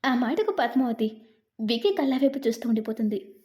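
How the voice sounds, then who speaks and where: Female storyteller, high-pitched, mellow, steady serial narration. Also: fairly quick. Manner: steady, descriptive reading.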